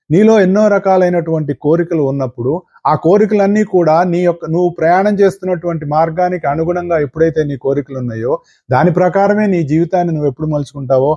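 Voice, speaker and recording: A spiritual teacher giving a discourse in an earnest, repetitive way, with rhetorical questions. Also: male voice, a little high, warm tone, lo-fi sound.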